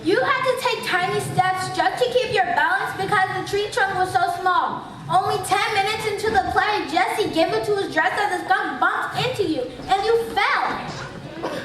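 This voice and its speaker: A young woman narrating a school stage play in an expressive, wry storytelling manner. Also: extremely high pitch, normal speed, noisy background. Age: young adult. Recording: echoey auditorium from far off.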